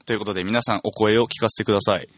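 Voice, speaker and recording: A man's voice: on the low side, steady tone, very fast, breathy edge, no echo, studio quality. A man with a Tsugaru accent hosting a casual radio chat, speaking politely and reacting readily to guests. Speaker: radio show host, talent agency employee.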